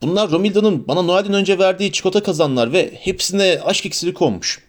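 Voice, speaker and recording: A man voicing an impatient, quick-witted teenage boy wizard in an audiobook reading. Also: high voice, voice pushed up, close to an everyday voice. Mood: agitated. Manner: raised, impatient delivery.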